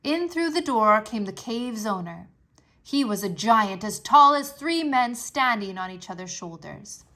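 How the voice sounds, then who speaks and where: For young listeners, a woman with a fairly high voice reads a children's history book aloud at an unhurried pace. Her scripted narration is expressive, clearly enunciated, and gives dramatic emphasis to key words.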